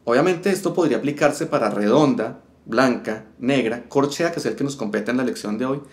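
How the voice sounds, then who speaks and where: A man's voice: medium pitch, brisk. A man teaching a step-by-step guitar lesson, explaining rhythm and counting syllables aloud. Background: guitar playing.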